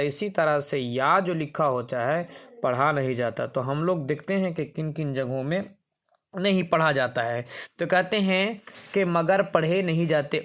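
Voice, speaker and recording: A man teaching Quran reading from a primer chart, explaining each example and saying words slowly to demonstrate. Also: a little high, a bit bright. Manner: explanatory, repeats words slowly to demonstrate, asks and answers himself.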